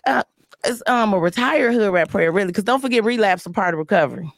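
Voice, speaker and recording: A woman hosting a comic podcast in a studio, joking and animated, often jumping into high-pitched bits. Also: fast talker, creaky, no echo. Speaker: podcast host.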